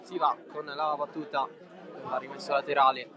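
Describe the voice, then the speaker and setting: A man giving live football commentary, breathless and excited in the Italian goal-calling manner, bursting into shouts. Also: on the high side, normal speed, lo-fi sound. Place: outdoors at a football ground. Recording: loud crowd and music, outdoor stadium. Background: loud crowd and music.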